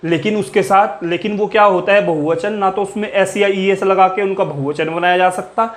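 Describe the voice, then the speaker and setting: A high, steady-toned male voice at normal speed runs an English grammar lesson. His repetitive classroom style has him quizzing students, answering his own questions in a dropped voice, and repeating key words.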